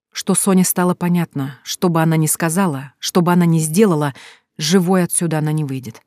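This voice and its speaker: A narrator reading a thriller audiobook in a measured, tense storytelling manner. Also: medium pitch, a little mellow, dry recording, clean studio sound.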